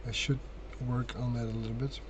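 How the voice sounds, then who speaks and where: A man with a Flemish Belgian accent, a native Dutch speaker, chatting casually and haltingly in English as he paints on an amateur livestream. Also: medium pitch, little pitch movement. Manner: apologetic, halting, thinking aloud. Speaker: amateur hobby painting streamer. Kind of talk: casual chat while painting miniatures on a livestream. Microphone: sensitive stream mic picking up breathing. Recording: noisy amateur mic with audible breathing. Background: clear noise, brush sounds.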